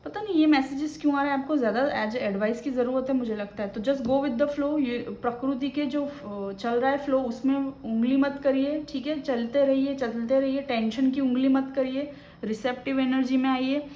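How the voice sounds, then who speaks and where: A woman's voice: high voice, fairly even intonation, moderate pace, dark tone, roomy sound. A woman doing a tarot reading, talking casually and giving advice, often checking in with the listener. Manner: chatty and advising, often tagging "ठीक है ना". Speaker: tarot reader.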